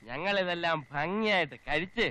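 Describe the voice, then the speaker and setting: High-voiced sly petty thief. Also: male voice, lively intonation, moderate pace, bright, forceful tone, dry recording, rough recording. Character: scheming young male petty thief. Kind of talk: slapstick film comedy.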